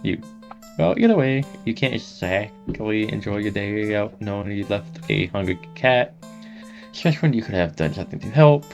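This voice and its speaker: A man with a lowish, gravelly voice reads a horror text game aloud, voicing the sound effects himself as he goes. The recording is a little muffled, with faint music playing behind him. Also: expressive, normal speed, darkish tone. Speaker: gaming YouTuber.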